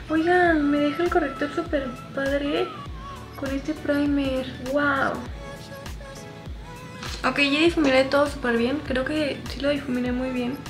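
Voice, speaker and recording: A woman's voice: high-pitched, echoey room. A young woman in her twenties with a Mexican accent, chatting and rambling with self-deprecating asides while doing her makeup in a small bedroom. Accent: Mexican Spanish. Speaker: vlogger. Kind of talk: casual makeup vlog chat.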